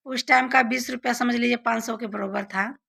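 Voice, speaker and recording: A young woman spins childhood stories for her viewers in a relaxed, chatty way, turning to them again and again as friends. Her voice sits a little high and sounds bright. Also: a little fast, vocal fry. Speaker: vlogger. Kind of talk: casual storytelling to viewers.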